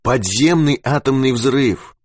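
A man voicing an excitable, feverish adult male geologist in an audiobook who rambles and shouts. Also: mid-range voice, takes it slowly, no room sound, studio quality, pitched above the performer's own voice. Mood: uneasy.

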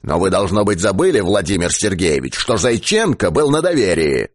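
A man's voice: deep voice, big pitch swings, normal speed, no echo, clean studio sound. A man playing a stern middle-aged chief of a space base, speaking curtly and with authority. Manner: curt, commanding.

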